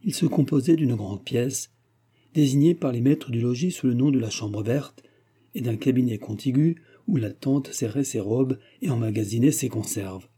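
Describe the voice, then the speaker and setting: A man narrating a classic French novel as an audiobook, in a steady, measured reading. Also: medium pitch, breathy edge.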